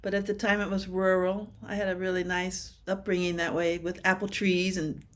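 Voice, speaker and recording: A woman in her seventies from Washington state, USA, speaks in a lowish voice with a level tone at normal speed. She's a percussionist guest on a video call, chatting animatedly and laughing often in a casual interview.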